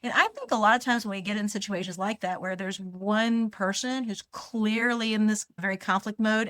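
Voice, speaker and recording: A woman's voice: medium pitch, a bit bright. A middle-aged woman physician, a podcast guest who explains conflict and acts out short example dialogues. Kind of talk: conversational podcast interview.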